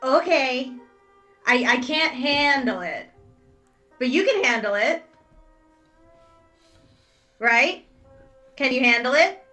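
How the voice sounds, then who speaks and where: A woman's voice: high voice, animated, slow pace, long pauses, pushed and bright, recorded from a distance, soft background music, heavily acted. A woman playing a sly halfling prisoner. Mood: teasing.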